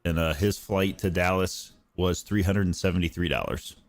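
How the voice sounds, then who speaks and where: A man's voice: deep voice, normal speed. A man co-hosting a casual sports podcast, chatting in a wry, teasing way. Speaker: podcast co-host.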